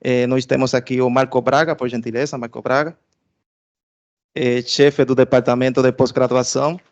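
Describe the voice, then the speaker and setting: A man's voice: medium pitch, little pitch movement, normal speed, lo-fi sound. A man from Cuba with a Cuban Spanish accent, a research director giving a formal institutional presentation, hesitating often with filler sounds and restarts.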